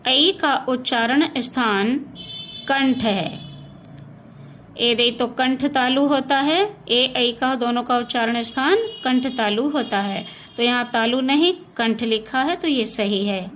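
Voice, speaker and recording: A woman's voice: a little high, slow, fairly bright tone. A woman teaching Hindi grammar for exam prep, going through answers patiently and spelling words out sound by sound. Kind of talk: exam-prep lesson, checking answers aloud. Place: home beside a railway track. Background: faint household ambience, occasional train noise.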